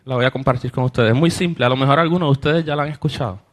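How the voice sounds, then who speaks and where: A man's voice: medium pitch, rapid-fire. A young man preaching to a congregation, telling a personal story and acting out the voices of the people in it. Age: young adult. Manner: storytelling, acts out quoted voices, rises with emotion. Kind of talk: sermon testimony to a congregation.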